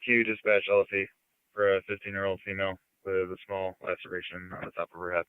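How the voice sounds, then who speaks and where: Man on police radio, quick, clipped unit codes, muffled scanner sound. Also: deep voice, level tone, clean tone, no room sound. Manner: clipped, businesslike. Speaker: emergency unit calling dispatch.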